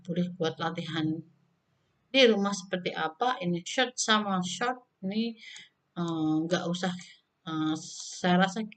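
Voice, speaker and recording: A woman teaching English pronunciation in a casual recorded lesson, loudly modeling each sound and repeating it with friendly filler tags. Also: lowish voice.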